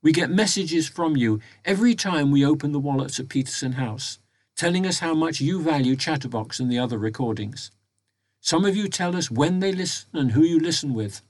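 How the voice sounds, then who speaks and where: A man reads a prepared report in a measured, formal way, recording at home inside a wardrobe. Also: a little high, animated, no room sound. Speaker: volunteer reporting to members of a local talking newspaper. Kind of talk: prepared spoken annual report, read aloud. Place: home recording inside a wardrobe, close and muffled by soft surroundings.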